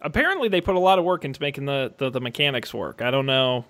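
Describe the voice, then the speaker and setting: A man co-hosting a casual podcast, talking informally and enthusiastically, as if pitching gadgets to friends. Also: lively intonation, quick pace, a bit bright. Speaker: podcast co-host.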